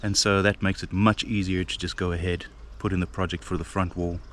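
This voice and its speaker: A man's voice: low voice, little pitch movement, a little fast, fairly bright tone, a little hiss or hum. A man from South Africa talking casually with lots of fillers as he vlogs outdoors on his farmland. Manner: rambling, with many fillers and restarts. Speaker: vlogger. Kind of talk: casual outdoor vlog talk.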